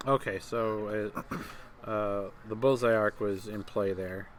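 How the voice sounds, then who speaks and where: Speaking slowly in a fairly low, fairly even voice, a man provides live tournament commentary on a tabletop miniatures game. He sounds conversational yet hesitant, leaning on fillers and restarting sentences, with a little hiss or hum in the recording.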